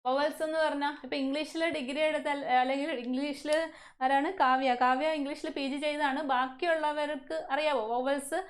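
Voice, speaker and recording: High-voiced Malayali woman teaching a class. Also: level tone, brisk. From Kerala, India. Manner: asks the class many questions and answers them herself. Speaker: English teacher at a coaching centre. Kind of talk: classroom lesson.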